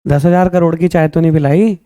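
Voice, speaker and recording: A man teaching accounting in a smooth, dark, slightly higher voice. He keeps firing quick questions at his students and slows down to stress English definitions. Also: fairly even intonation. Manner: calls students "beta", quizzes them with quick questions; mixes Hindi with English terms, slow stressed definitions. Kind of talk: classroom lecture.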